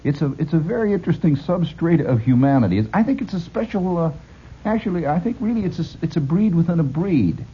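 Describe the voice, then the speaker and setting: Animated rambling male radio host. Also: fairly high pitch, quick pace, husky. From Illinois. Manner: animated, laughing, full of restarts. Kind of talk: rambling storytelling. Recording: dull lo-fi radio recording.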